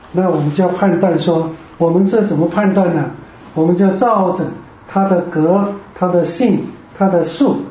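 A man's voice: high-pitched, mellow, slight background noise. A man teaching a Greek grammar class, explaining patiently step by step. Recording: echoey room, dull lo-fi.

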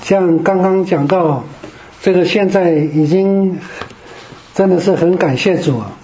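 In a classroom lecture on Greek, a male teacher walks his students through the material patiently, one step at a time. His voice sits high and sounds mellow, his pace is measured, and the roomy, dull lo-fi recording carries slight background noise.

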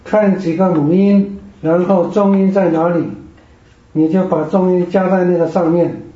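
A man teaching a classroom language lesson, slowly modeling each word for his students to repeat. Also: high voice, fairly even intonation, warm tone. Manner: slow, patient, models pronunciation for repetition. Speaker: Greek teacher. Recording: roomy, dull lo-fi classroom audio.

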